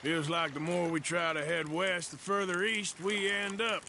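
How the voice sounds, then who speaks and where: An actor playing a world-weary frontier outlaw in a game who speaks in a dry, wry, unhurried way. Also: male voice, high-pitched, level tone, pushed and bright, slight background noise.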